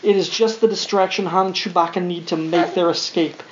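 A woman with a lowish voice, steady in tone and a little fast, reads a storybook aloud to a young child as a parent would. She pauses for spontaneous simple asides and questions, and the home recording is dull with faint noise.

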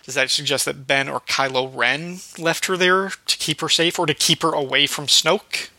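A man's voice: fairly high pitch, normal speed, bright, forceful tone, dry recording, poor audio. A man hosting a podcast, talking things through in a casual, thoughtful discussion. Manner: thoughtful, musing. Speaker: podcast host.

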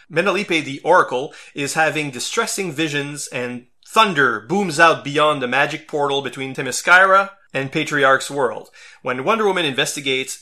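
A man with a strikingly bright, clear-toned voice chats casually as a podcast co-host. He recaps comic plots briskly, dropping in wry side remarks. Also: a little high. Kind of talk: casual chat, summarizing comics.

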